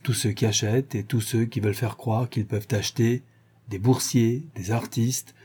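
A man narrating a classic novel in a measured storytelling manner. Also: medium pitch, steady tone, a little mellow, breathy edge. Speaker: audiobook narrator.

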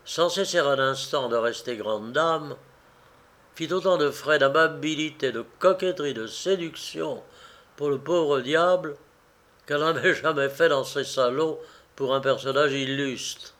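A man narrating a classic novel at an unhurried, deliberate pace, in a somewhat high voice. Each phrase is placed with care and expression. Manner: slow, measured, expressive reading. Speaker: audiobook reader.

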